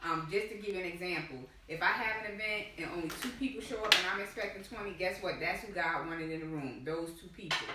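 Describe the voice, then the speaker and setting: A woman's voice: on the low side, fast talker, hardly any pauses, heavy reverb, distant mic, very noisy. A woman co-hosting a casual live-stream chat, talkative and calling her listeners y'all. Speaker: co-host.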